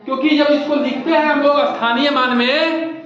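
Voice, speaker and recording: A man's voice: very high voice, steady tone, moderate pace, a bit bright. A male primary school teacher giving a patient, repetitive classroom lesson, asking the pupils many questions. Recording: echoey muffled classroom recording.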